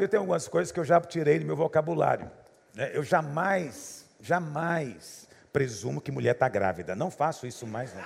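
Gravelly animated pastor in reverberant hall. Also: male voice, on the high side. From Goiás, Brazil. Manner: chatty storyteller, chuckles often. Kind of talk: humorous preaching with anecdotes.

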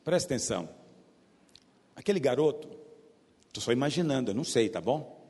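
Man preaching, Goiás accent, gravelly husky voice, lively rising and falling pitch, long hall reverb. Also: a little fast. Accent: Goiás Brazilian Portuguese. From Goiás, Brazil. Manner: swings from loud emphatic bursts to low hushed asides. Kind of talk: sermon.

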